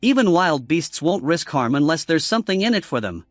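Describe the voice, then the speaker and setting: A man's voice: fairly high pitch, brisk, dry recording, clean studio sound, faint music behind. A man voicing a cocky, coldly menacing young male hunter in a story recap. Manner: flat and menacing.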